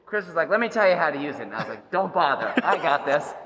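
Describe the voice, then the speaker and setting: Male, animated self-deprecating anecdote, echoey warehouse. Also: a little high, fast talker, crowd noise. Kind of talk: casual storytelling. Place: large empty factory hall. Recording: echoey empty hall.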